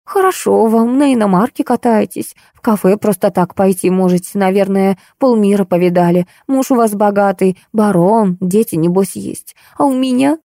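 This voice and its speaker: A woman's voice: medium pitch, moderate pace, few pauses, mellow, no echo, studio quality, close to an everyday voice. A woman reading an audiobook, voicing a plump, weepy young office clerk who grumbles plaintively. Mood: wistful.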